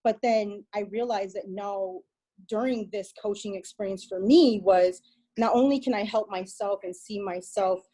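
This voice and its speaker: A woman, a mother, sharing her story as a fitness coach on a video call, rambling in a quick, excitable way. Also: mid-range voice, poor audio. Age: adult mother. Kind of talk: casual emotional testimony.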